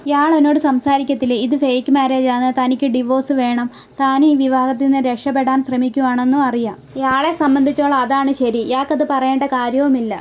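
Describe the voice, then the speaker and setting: A woman's voice: sits high, level tone, a little fast, lightly acted. A woman voicing an earnest young man who pleads his love to his wife in a heartfelt way.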